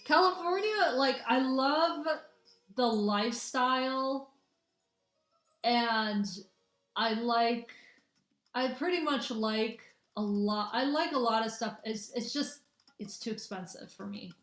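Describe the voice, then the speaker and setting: Faint music plays behind a young woman from the American Midwest as she hosts a casual livestream of spiritual readings, speaking slowly in a fairly high, fairly bright voice. She rambles to viewers with many restarts, and her phone or webcam captures an echoey room.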